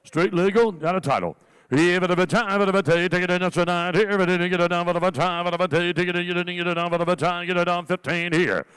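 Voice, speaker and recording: A man working as an auctioneer, calling bids in a rapid, rolling chant with repeated filler phrases between the numbers. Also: sits high, fairly even intonation, a bit bright, clear, resonant tone.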